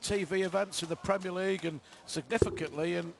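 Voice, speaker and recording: A man's voice: sits high, steady tone, a little fast. A man giving live darts commentary as the lead commentator. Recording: clear background noise from venue.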